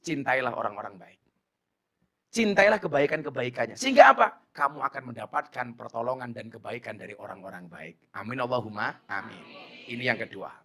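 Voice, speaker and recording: Man, Javanese accent, preacher, bright tone, very lively pitch, jokes, teases the crowd. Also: brisk, vocal fry. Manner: jokey, teasing, swings from soft to shouting. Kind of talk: lively sermon with audience banter.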